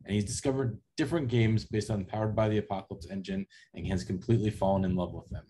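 A man's voice: on the low side, steady tone, fast, mellow, a little hiss or hum. A man in his thirties hosting an online conference and introducing a speaker over a video call. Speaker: conference session host. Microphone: video call, close to computer.

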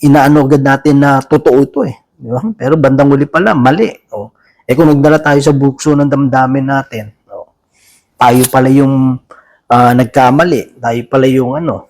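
A man's voice: mid-range voice, steady tone, normal speed, a little mellow. A man preaching a sermon in a casual, conversational way, often turning to the listeners with a question. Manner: many restarts and fillers, chatty and informal.

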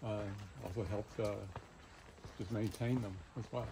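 A man with a low, even, fairly flat voice walks a listener through a big storage warehouse. He talks haltingly, filling gaps with "uh" and restarting his phrases. Clear noise runs behind him. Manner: halting, many fillers and restarts. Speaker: disaster services warehouse staff. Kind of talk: informal guided tour explanation.

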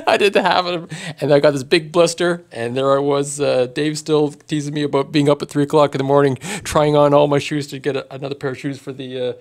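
A middle-aged man hosting a casual chat, rambling and halting, laughing often between words. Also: a little high, level tone, a little mellow. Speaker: podcast host and musician.

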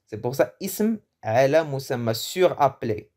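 Guy teaching vocab in french, slow and chatty, jokes and fixes himself a lot. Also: medium pitch, expressive, a little mellow. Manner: joking, self-correcting, many restarts. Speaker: language teacher. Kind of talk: casual vocabulary lesson.

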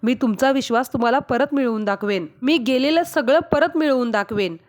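Woman voicing a young son, pleading, remorseful, high voice. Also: brisk, lightly acted. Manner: pleading reading.

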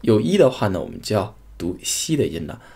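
A man teaching a pronunciation lesson, saying each sound twice in slow, drawn-out demonstrations. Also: lowish voice, big pitch swings, creaky, darkish tone, husky. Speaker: language teacher.

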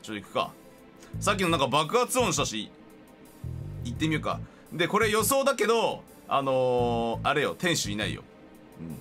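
A man giving excitable, jokey gameplay commentary as a streamer. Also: medium pitch, normal speed, faint music behind. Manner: excitable, laughing, jokey reactions. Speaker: game streamer.

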